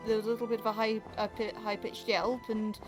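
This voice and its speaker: High-voiced British woman, rambling and stammering. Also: level tone, fast, low-quality recording. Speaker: gaming streamer. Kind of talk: casual chat while gaming. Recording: music behind the voice.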